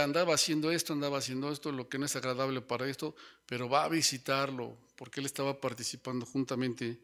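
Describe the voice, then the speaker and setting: Male preacher, rather high and bright, sermon delivery that keeps checking in with the congregation. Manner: speaks to the listeners as brothers, tags lines with rhetorical questions.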